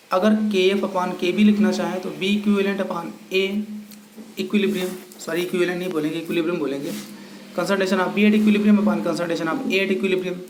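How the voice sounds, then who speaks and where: A high-voiced male teacher gives a step-by-step chemistry lecture, asking his students questions and answering them himself. He calls them children and mixes English terms into his Hindi. The sound is roomy and echoey, with a faint hum of ambience behind him. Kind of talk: recorded classroom lecture.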